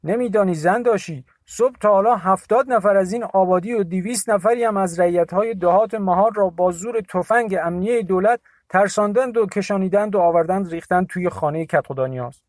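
A man voicing a cold, shivering village man with a hoarse voice in an audiobook. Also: high voice, no room sound, pitched above the performer's own voice, close to an everyday voice. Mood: indignant. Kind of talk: audiobook character voice.

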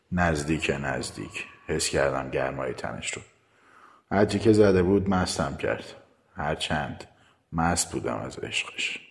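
Deep male narrator for a first-person romance, low and intimate, unhurried. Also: a little mellow.

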